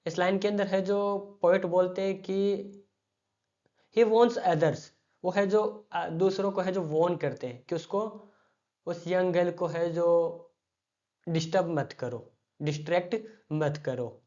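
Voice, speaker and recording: An Indian-accented teacher giving an exam-prep literature lecture, explaining slowly, repeating phrases and reciting poem lines. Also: medium pitch, mellow, muffled recording.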